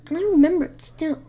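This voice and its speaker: High, mellow-voiced young woman rambling. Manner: rambling and profane, with many fillers. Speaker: vlogger telling a story. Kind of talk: casual storytime, at times whispered. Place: home room with someone asleep nearby.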